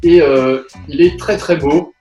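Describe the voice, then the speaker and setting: A man hosting a radio chat show over a video call, talking casually with many pauses and restarts. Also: fairly high pitch, fairly even intonation, warm tone, muffled recording, faint music behind. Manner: hesitant, many fillers and restarts.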